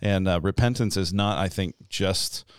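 Deep-voiced man giving a devotional talk. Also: smooth, no echo, clean studio sound. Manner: earnest, unhurried teaching with fillers. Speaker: podcast co-host.

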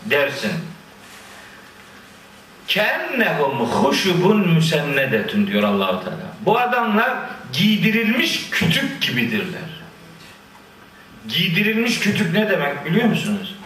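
A man preaching a sermon, quoting scripture in Arabic and explaining it with lively asides. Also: high-pitched, measured pace, a little hiss or hum. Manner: lively, quotes Quran verses in Arabic and explains them. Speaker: Islamic preacher. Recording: echoey room, voice from a distance.

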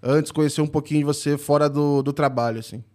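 A man hosting a podcast, introducing his guest and chatting casually in a halting way. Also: on the high side, steady tone, darkish tone. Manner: halting, many "é" fillers and restarts. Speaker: podcast host. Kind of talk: casual interview chat.

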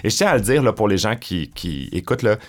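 A middle-aged man with a Québécois French accent, a drag performer appearing as an interview guest, speaks quickly in a lowish voice. He chats and tells stories in an animated, conversational way, using lots of fillers.

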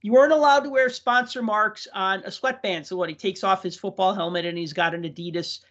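A man's voice: high-pitched, steady tone, fairly quick, a bit bright. A man hosting a casual podcast chat who tells stories with enthusiasm and laughs along with them. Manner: chatty storyteller, laughs at his own stories. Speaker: podcast host. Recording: dull lo-fi audio.

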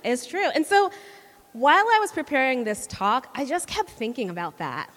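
A woman's voice: sits high, sing-song, normal speed, a bit bright. A woman giving a casual, chatty sermon to a church, laughing often and checking in with the audience with "right?". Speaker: church speaker. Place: church hall. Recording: long hall reverb.

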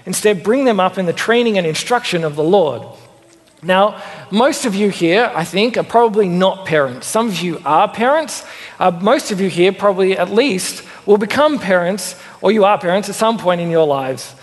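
A young man preaching a sermon in a conversational, animated way with self-deprecating asides. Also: high-pitched, normal speed. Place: church. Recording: long church reverb.

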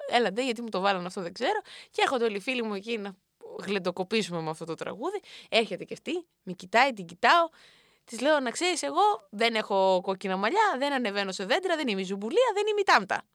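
A young woman hosting a show, telling a funny self-mocking story about a night out in a lively, animated way. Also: a little high, no echo, studio quality. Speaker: radio host. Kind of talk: comic storytelling monologue.

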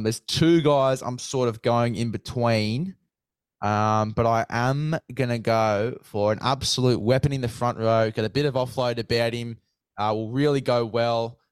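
Smooth-voiced man hosting casual sports chat. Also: medium pitch, dry recording. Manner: matey, slangy. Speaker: podcast host.

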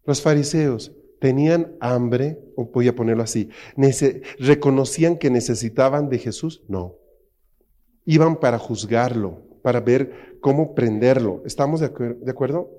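A man's voice: mid-range voice, a little slow. A middle-aged man with a Mexican Spanish accent, preaching a sermon with jokes and rhetorical questions to the congregation. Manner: animated, jokey, acts out quotes in funny voices; asks the crowd constant rhetorical questions. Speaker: pastor.

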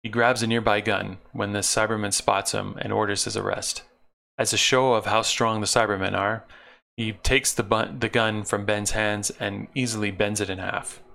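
A man with a low, gravelly voice walks through an episode plot in a relaxed recap, stopping for dry, sarcastic asides. His tone has a sharp, forceful edge. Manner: wry sarcastic asides between plot summary.

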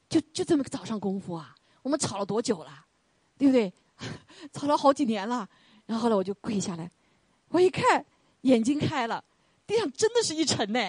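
Woman, middle-aged, sermon testimony, storytelling, frequent laughter, husky voice, dry sound. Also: sits low, darkish tone, dry recording. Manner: conversational storytelling, laughing often, acts out quoted voices. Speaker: church leader.

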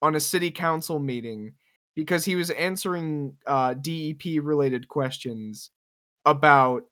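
A man's voice: on the high side, measured pace, sharp tone. A young man from New Jersey, a podcast co-host telling rambling anecdotes in casual chat. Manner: storytelling, puts on voices in anecdotes.

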